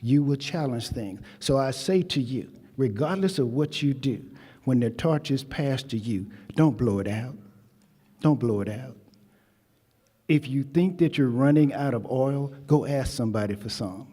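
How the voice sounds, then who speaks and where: A man's voice: mid-range voice, lively intonation, unhurried, mellow, breathy edge. An older man, originally from Texas, giving an emphatic, folksy commencement speech to graduates at a convocation ceremony, speaking at a podium microphone. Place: ceremony hall. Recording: long hall reverb.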